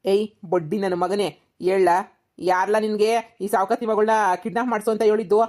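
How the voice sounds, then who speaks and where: A woman voicing rough village men in a cartoon comedy, gruff and interrogating. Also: medium pitch, fairly even intonation, moderate pace, a little mellow.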